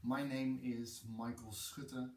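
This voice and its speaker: A man's voice: mid-range voice, level tone, slow, a little mellow, reverberant, distant mic. A man with a Dutch accent, a yoga teacher, talking casually to camera with many hesitant ums. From Netherlands. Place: room with a wooden floor.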